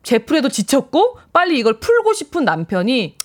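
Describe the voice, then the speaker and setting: Playful high-voiced woman radio host. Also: normal speed. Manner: lively, playful, acts out quoted lines. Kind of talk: casual radio chat. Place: radio studio.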